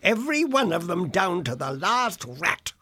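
A man voicing a wise old male creature in an audiobook, with a slow, knowing drawl and a husky, gravelly voice. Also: high voice, big pitch swings, sharp tone, pitched above the performer's own voice, full character voice.

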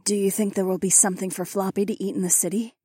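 A man voicing a gentle, soft-spoken young catwoman who worries about her pet. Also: sits high, flat delivery, quick pace, slightly rough, no echo, voice pushed up.

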